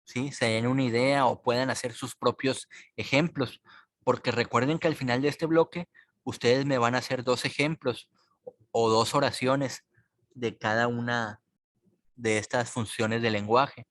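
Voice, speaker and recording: Male teacher, unhurried and patient, mid-pitched voice, dry close recording. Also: fairly even intonation, fairly bright tone, no room sound. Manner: slow, patient, repeats words for clarity. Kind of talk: recorded online class explanation.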